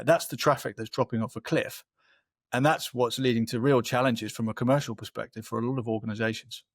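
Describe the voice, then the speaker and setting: A man explains concepts in the style of a webinar marketing expert, his medium-pitched voice keeping things conversational as he frequently checks in with whoever's listening. The sound is dry and close-miked, leaving barely any room tone.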